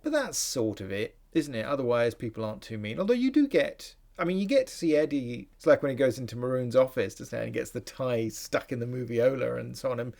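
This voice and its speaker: A man with a gravelly, creaky voice hosts a relaxed film-discussion podcast. He thinks aloud, analytical and musing, often restarting his sentences as he works through his points. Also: mid-range voice, quick pace, few pauses. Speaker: podcast host.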